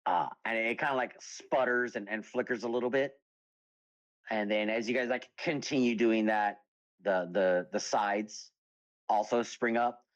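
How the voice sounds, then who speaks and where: A man's voice: lowish voice, steady tone, measured pace, low-quality recording. A man narrating as game master in a tabletop game, rambling with lots of fillers and breaking into laughter easily.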